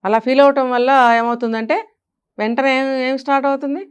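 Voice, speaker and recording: A woman's voice: high-pitched, fairly even intonation, fairly quick, smooth. A woman with a Telugu accent, a guest speaker giving emphatic parenting advice in an interview, often asking rhetorical questions.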